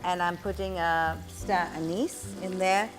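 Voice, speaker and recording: A woman presenting a cooking demonstration, explaining each step instructively with frequent pauses. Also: on the low side, fairly even intonation, soft background music.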